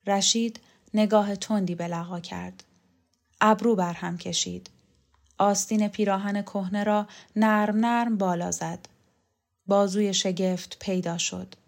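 A woman narrating a literary novel in a calm, measured reading voice. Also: medium pitch, vocal fry. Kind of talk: scripted audiobook narration of a novel.

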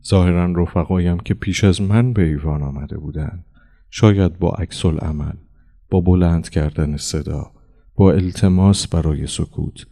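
Male audiobook reader, very low voice, dark tone, measured and expressive. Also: gravelly. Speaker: audiobook narrator. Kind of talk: dramatic first-person story reading.

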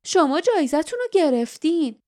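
A woman's voice: high voice, sing-song, darkish tone, pitched above the performer's own voice. A woman voicing a scheming, greedy male guardian who mocks and snaps at his rivals in an audiobook. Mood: scornful. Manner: mocking, snapping retorts.

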